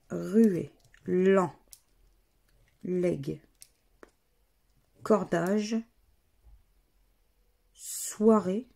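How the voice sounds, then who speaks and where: A woman's voice: mid-range voice, vocal fry, darkish tone. A woman, casually commenting as she scratches lottery tickets and spells out letters and words one by one. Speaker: scratch-card vlogger.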